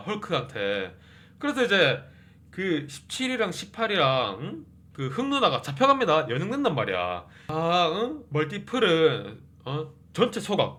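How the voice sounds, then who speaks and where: Recap YouTuber, man, a bit high, very lively pitch, casual comic retelling with constant "eh?" tags. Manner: constant "eh?" and "hm?" interjections; acts out characters' lines.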